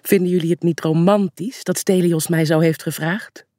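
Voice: mid-range voice, fairly even intonation, normal speed, mellow, no echo, studio quality, pitched above the performer's own voice, close to an everyday voice. A reader voicing a happy, sentimental neighbor man in a children's story.

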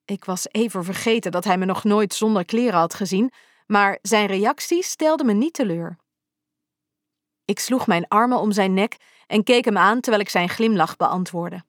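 A woman narrating a first-person romance story in a calm, intimate storytelling manner. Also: medium pitch, normal speed, dry recording, clean studio sound. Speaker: audiobook narrator.

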